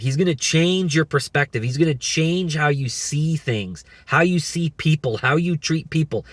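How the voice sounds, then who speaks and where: A man in his thirties giving an earnest, halting faith testimony, often restarting his sentences and encouraging listeners to pray. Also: fairly high pitch, a bit bright, no room sound. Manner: earnest, repetitive, many restarts. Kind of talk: personal testimony and exhortation.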